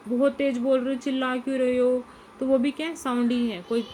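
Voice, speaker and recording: A woman teacher who explains a lesson to young children, reading each English line slowly and then asking and answering her own questions in Hindi. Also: sits high, steady tone, dark tone, a little hiss or hum, low-quality recording.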